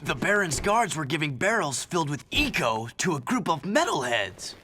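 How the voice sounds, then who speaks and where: A man's voice: fairly high pitch, big pitch swings, moderate pace, pushed and bright. An actor playing a young, defiant male hero in a video game, speaking bluntly and intensely. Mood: suspicious. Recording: noticeable background noise.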